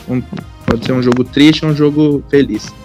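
A Brazilian man in casual football chat as co-host, haltingly repeating words as he thinks. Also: medium pitch, steady tone, over music. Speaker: football talk show co-host.

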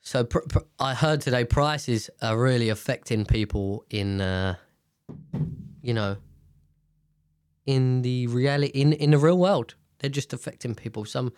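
A man's voice: mid-range voice, unhurried, darkish tone, smooth, no echo. Nasal, congested British man, talking casually. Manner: blunt, sweary, informal. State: blocked nose from sinus infection. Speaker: host. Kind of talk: casual rambling commentary, reading news aloud.

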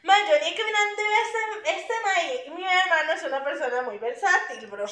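Young Costa Rican woman, high voice, animated storyteller, echoey room. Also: a little fast. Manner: animated, laughing storyteller who acts out quotes. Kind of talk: casual chat, storytelling.

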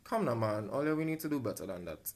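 A man's voice: mid-range voice, animated, fast. A man co-hosting a podcast, chatting casually and often hesitating with "um". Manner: hesitant, many "um" fillers. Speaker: podcast co-host. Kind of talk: casual chat.

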